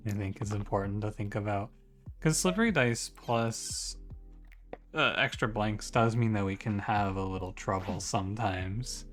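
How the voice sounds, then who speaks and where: A man giving casual strategy game commentary, thinking aloud in a musing, conversational way and often correcting himself. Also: on the low side. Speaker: gaming streamer.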